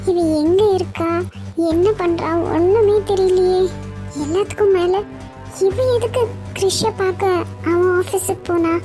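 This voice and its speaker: A woman's voice: extremely high pitch, dark tone. A woman voicing an anxious, guilty middle-aged aunt in a cartoon, fretting and worrying aloud. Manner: fretful, worried muttering.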